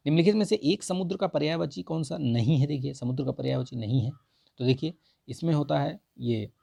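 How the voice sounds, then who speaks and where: A man's voice: fairly high pitch, a little fast, creaky, mellow, dry recording. A male teacher explains answers to an exam practice test, repeating the correct forms and saying "ठीक है" between points. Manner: repeats the right forms and says "ठीक है" often. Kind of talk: explaining a Hindi vocabulary test.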